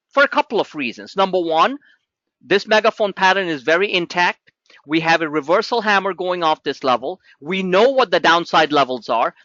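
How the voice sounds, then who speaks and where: A middle-aged man with a high, bright, pointed voice hosts a trading webinar. He talks in a pushy, animated sales patter while going over charts. The sound is dry and a little dull, recorded on a close mic. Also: no room sound. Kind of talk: live trading webinar talk.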